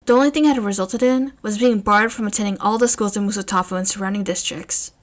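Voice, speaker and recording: A woman narrating a fanfiction story in an expressive, measured reading. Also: mid-range voice.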